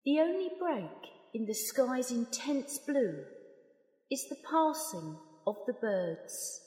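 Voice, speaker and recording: Female meditation guide, slightly high voice, calm and unhurried, roomy echo. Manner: calm, soft, unhurried with long pauses. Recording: roomy long reverb.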